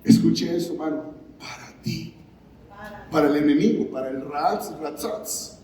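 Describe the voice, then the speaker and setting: A man's voice: fairly high pitch, measured pace, dark tone, slight background noise. A man preaching a sermon in a church, calling on the congregation to answer back and acting out scripture scenes. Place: church sanctuary. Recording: very echoey hall, mic far off.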